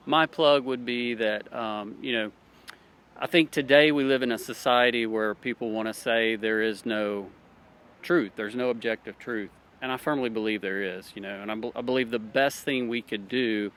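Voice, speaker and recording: A man's voice: medium pitch, a bit bright. A man with an Alabama Southern accent, talking earnestly in a casual street interview, with many fillers and restarts. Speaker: interviewee, church worker.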